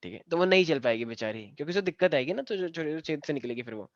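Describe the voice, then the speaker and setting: A man's voice: on the high side, lively intonation, very fast, no echo. Man, science teacher, teasing, joking with students, dull lo-fi recording. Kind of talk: live online class lesson.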